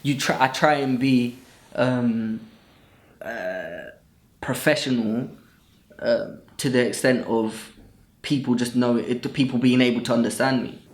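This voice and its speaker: A man speaking in an interview, measured and hesitant, with many fillers. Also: mid-range voice. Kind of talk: interview talk. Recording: echoey room.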